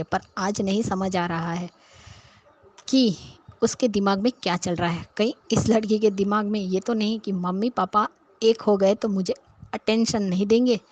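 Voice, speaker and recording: A woman's voice: medium pitch, a little mellow, low-quality recording. A woman recapping a TV serial episode as a viewer, outspoken and scolding the characters as she goes. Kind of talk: casual episode recap and commentary.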